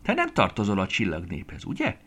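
Brief: male reader voicing a bashful little star girl, friendly, lively pitch jumps. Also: exaggerated voice. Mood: surprised.

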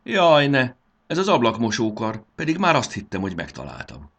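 A man reading aloud and voicing an eager young boy at the wheel, talking in excited exclamations. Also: low voice, vocal fry, breathy edge, exaggerated voice. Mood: excited, worried.

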